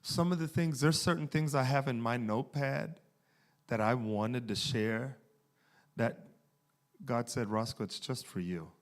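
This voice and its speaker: Conversational male preacher. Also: mid-range voice. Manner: conversational preaching with frequent restarts and slow emphasis. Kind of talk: sermon.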